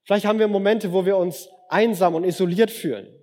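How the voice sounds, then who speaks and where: A man preaching a sermon, acting out dialogue and swinging between loud emphasis and hushed, quiet passages. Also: high-pitched, fairly even intonation, fairly quick, long reverb tail.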